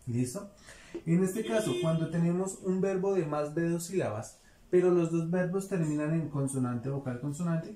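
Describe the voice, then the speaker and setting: A man's voice: on the high side, mellow. A man teaching an English grammar lesson, explaining patiently and often checking that his students are following. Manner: patient, repeats "¿listo?" to check understanding. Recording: echoey room with faint noise.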